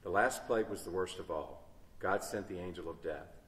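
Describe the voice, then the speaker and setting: A man dramatically reading a Bible story aloud in a large church, his loudness rising and falling. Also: low voice, normal speed. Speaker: story reader. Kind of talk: expressive read-aloud storytelling. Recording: echoey church hall, distant mic.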